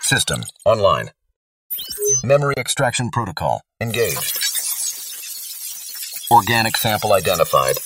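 An actor as a low-pitched cold computer system. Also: sing-song, unhurried, long pauses, fairly bright tone, recorded from a distance, soft background music, heavily acted. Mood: cold, procedural. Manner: clipped robotic announcements. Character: cold procedural memory-extraction computer system. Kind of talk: sci-fi audio drama system announcements.

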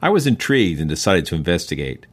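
An American man hosting a science show, narrating from a script in a curious, measured, explanatory way. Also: sits low, sing-song, breathy edge. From US East Coast. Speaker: host of a science podcast.

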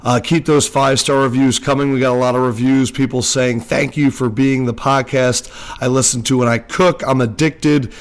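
A man hosts a casual sports podcast from a home mic under a blanket, chatting and joking while sounding a little nervous about his audio. His voice is medium-pitched and level, at a moderate pace.

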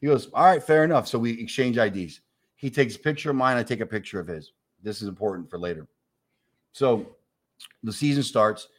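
A man in his forties, appearing as a guest storyteller on a talk show, spins a lengthy anecdote with lots of swearing, voicing both people in every exchange. He speaks in a lowish voice, a little fast, with long pauses.

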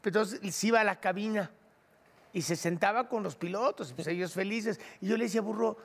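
A Mexican man in his forties with a high, gravelly voice, chatting casually on a podcast. He swears freely and acts out the lines of other people in his stories. His voice trails into a long, hall-like reverb. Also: fairly quick. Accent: Mexican Spanish. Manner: profane, animated storyteller, acts out quotes. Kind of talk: casual chat.

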